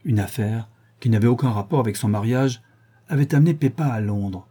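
A man narrating a classic novel as an audiobook in a measured, expressive way. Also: medium pitch, slightly rough.

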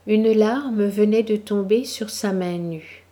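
A woman reading a literary story aloud in a slow, measured storytelling manner. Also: mid-range voice, dark tone. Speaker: audiobook narrator.

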